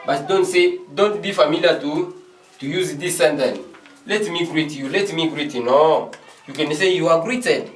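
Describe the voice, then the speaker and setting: A man teaching English in a classroom, repeating example phrases slowly and switching between French and English. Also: on the high side, faint music behind. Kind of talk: classroom lesson at a board. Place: classroom with a board. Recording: echoey room, voice from far off.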